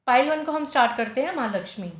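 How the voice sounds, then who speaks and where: A woman's voice: high-pitched, expressive, quick pace. A woman reading tarot piles in a casual video, earnest and pleading, mixing English phrases into her talk. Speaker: tarot reader. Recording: echoey, dull lo-fi room sound.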